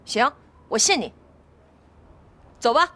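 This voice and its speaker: A fiery young village woman. She is outspoken and insistent. Her voice is bright and her pitch swings widely. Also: expressive, slow pace, a little hiss or hum, heavily acted. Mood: pleading, demanding.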